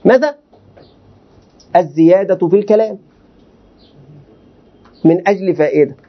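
A man's voice: high-pitched, moderate pace, dull audio. A man, a sheikh, lecturing students on Quranic commentary and asking them rhetorical questions. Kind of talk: classroom lecture.

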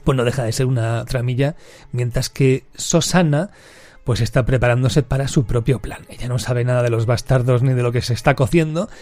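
A man's voice: mid-range voice, normal speed, soft background music. A man, hosting a podcast and casually retelling a film, acting out the characters' lines as he goes. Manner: lively storyteller who acts out character quotes. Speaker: podcast host.

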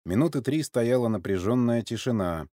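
A man's voice: mid-range voice, expressive, normal speed, mellow, dry recording, studio quality. A man reading an audiobook as narrator, telling the story steadily.

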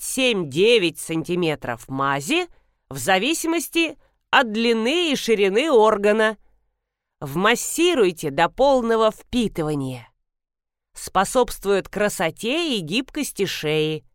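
A woman's voice: on the high side, dry recording, studio quality. A woman doing a grumpy half-deaf old pharmacist lady. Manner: scolding, loud and demanding.

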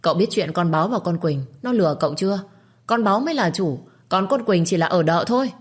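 A woman voicing a spiteful, scheming young wife who accuses loudly and shrilly. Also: fairly low pitch, expressive, quick pace, slightly rough.

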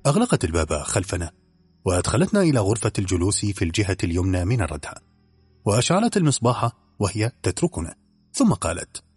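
A man narrating an audiobook in an expressive storytelling manner. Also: on the low side, fast, breathy edge, faint music behind.

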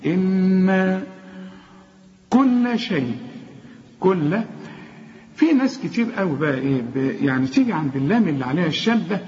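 High-voiced Egyptian sheikh teaching recitation. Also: male voice, expressive, normal speed, long pauses, darkish tone, in a large hall, muffled recording. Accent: Egyptian Arabic. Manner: corrects errors and chants examples. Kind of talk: tajweed lesson.

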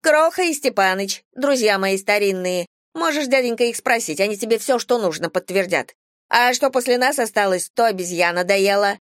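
A woman's voice: medium pitch, lively intonation, normal speed, no room sound, studio quality, pitched above the performer's own voice, natural voice. A woman voicing a whining, cunning middle-aged homeless woman in an audiobook, wheedling and sly. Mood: defiant. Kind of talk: audiobook character voice.

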